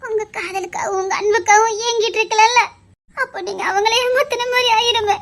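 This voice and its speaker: A woman's voice: very high-pitched, fairly even intonation, fairly quick, a bit bright. A woman with a Tirunelveli Tamil accent voicing a devoted young woman who soothes and coaxes. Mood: soothing. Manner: coaxing, soothing, insistent. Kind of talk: amateur dramatic dialogue.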